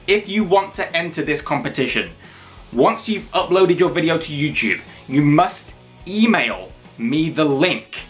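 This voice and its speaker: A man in his thirties talks to camera as an excitable channel host. His fairly high voice swings up and down a great deal, landing hammy, drawn-out stresses on key words. Music plays behind him. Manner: energetic, hammy delivery with drawn-out emphatic phrases. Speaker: YouTube wrestling channel host. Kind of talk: enthusiastic vlog announcement to camera. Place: small indoor room with posters.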